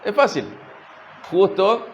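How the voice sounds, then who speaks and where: A man's voice: sits high, expressive, slow pace, highs cut off, a little hiss or hum. A man from Córdoba with a Cordobés Argentine accent, preaching an expository sermon in church and asking his congregation questions with light humor. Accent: Cordobés Argentine Spanish. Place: church service.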